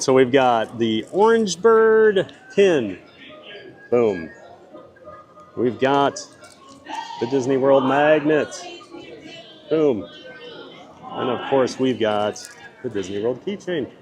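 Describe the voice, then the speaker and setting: A livestream vlogger chatting casually, politely and upbeat while out at a theme park. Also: mid-range voice. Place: theme park shops and walkways. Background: loud background music.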